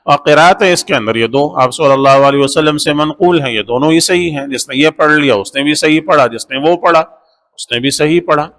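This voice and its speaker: A man giving a Quran lesson, explaining in a steady, repetitive way with many honorifics. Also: medium pitch, long reverb tail. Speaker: Quran teacher. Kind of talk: religious lesson.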